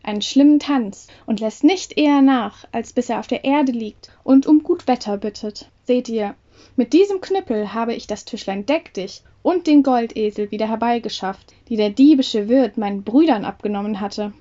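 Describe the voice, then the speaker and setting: A woman's voice: on the high side, moderate pace, warm tone, lo-fi sound, lightly acted. A woman reading a fairy tale, voicing a confident young male craftsman in an earnest, declaiming way.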